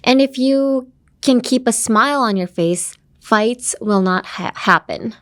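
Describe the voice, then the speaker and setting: A woman reading the lines of a polite, composed young woman gently lecturing a little girl, formal and gentle. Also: on the high side, extremely slow.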